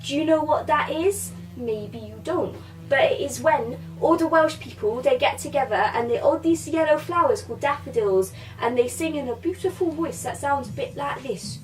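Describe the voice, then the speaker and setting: A comedy vlogger, a young woman with a high-pitched voice at normal speed, does a comic monologue in a swaggering, slangy tough-kid character with sing-song chants. Soft background music plays. She's filmed in a small bedroom from a camera a few metres away, using a distant mic.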